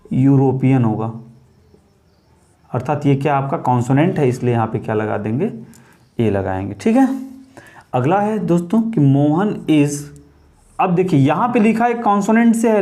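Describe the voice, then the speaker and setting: A man's voice: fairly high pitch, dark tone. A man teaching grammar in Hindi, asking rhetorical questions and calling his viewers friends. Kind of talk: Hindi-English grammar lesson.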